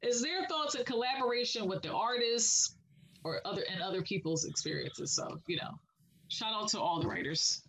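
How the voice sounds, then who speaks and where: A woman co-hosting a casual podcast about songwriting, speaking in an unhurried, affirming way with many filler pauses. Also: on the high side, a bit bright, slight background noise, rough recording. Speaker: podcast co-host.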